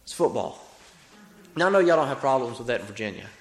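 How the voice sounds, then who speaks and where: Young Alabama-accented preacher in an echoey hall. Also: male voice, medium pitch, animated, fast talker. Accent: Alabama Southern American. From Alabama, United States. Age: young adult. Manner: earnest, folksy, repeats phrases for emphasis. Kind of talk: sermon. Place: reverberant room, preaching to a congregation. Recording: echoey hall with long reverb.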